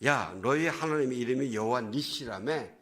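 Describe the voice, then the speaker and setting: A man voicing a boastful, mocking giant male warrior who shouts slangy challenges to a fight. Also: mid-range voice, expressive, moderate pace, natural voice. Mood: taunting. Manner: jeering, loud slangy challenges.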